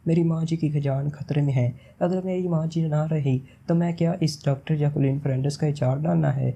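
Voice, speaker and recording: A man's voice: on the high side, fairly even intonation, gravelly, dark tone, slight background noise. A man reading the lines of a desperate princess who pleads tearfully for her mother's life. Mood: earnest. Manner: tearful, begging.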